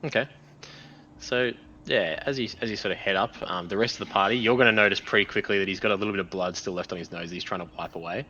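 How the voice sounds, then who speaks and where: Low-voiced, bright male game master. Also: lo-fi sound, slight background noise. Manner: halting, repeats phrases while describing scenes. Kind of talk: improvised narration of a tabletop game.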